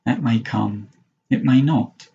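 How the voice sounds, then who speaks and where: In a husky, mid-range voice with vocal fry, a man teaches a guided mindfulness meditation. He talks softly and without hurry, using brief phrases and long silences, and the audio is lo-fi.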